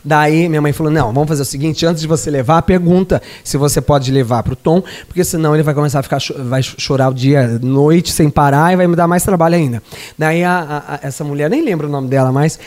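A man chatting on a podcast, telling stories with lively acted-out voices and frequent laughter. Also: fairly high pitch, quick pace. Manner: animated storyteller, acts out quoted voices, laughs often. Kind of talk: casual podcast chat.

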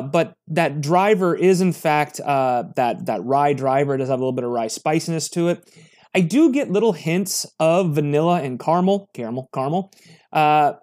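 Chatty man with a lively voice. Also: a little high. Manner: rambling, chatty, many fillers and restarts. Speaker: bourbon reviewer. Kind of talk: casual spoken review.

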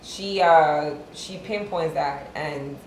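A woman's voice: deep voice, slow, a little mellow, echoey room, a little hiss or hum, low-quality recording. A woman in casual panel chat, affirming others and rambling through stories.

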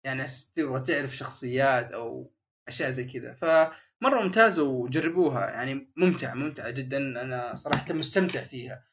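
A man's voice: mid-range voice, a little fast, fairly bright tone. A man chatting casually as a podcast host, rambling and restarting his sentences. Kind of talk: casual chat. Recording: dull lo-fi sound.

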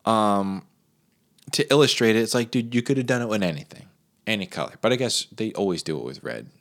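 A man's voice: lowish voice, lively intonation, brisk. A man ranting comically about an advertisement, incredulous and riffing with lots of fillers. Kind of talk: comedic rant.

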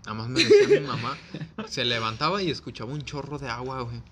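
A man's voice: mid-range voice, wildly swooping pitch, quick pace, crowd noise. A young man with a Mexican accent, a guest in a friends' chat, telling anecdotes in easy slang. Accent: Mexican Spanish. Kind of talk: casual chat among friends.

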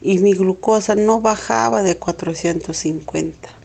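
A middle-aged woman telling an emotional personal testimony, halting and repeating words, with many filler questions. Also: medium pitch, vocal fry, dark tone. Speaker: testimony giver.

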